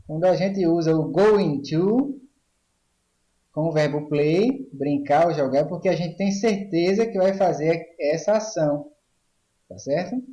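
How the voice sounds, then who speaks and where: A man's voice: on the high side, dark tone, roomy sound, dull audio. A man with a Brazilian Portuguese accent teaching an online English grammar lesson, explaining step by step and often checking in with the class. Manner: explains slowly, checks in with "ok?" and "tá certo?".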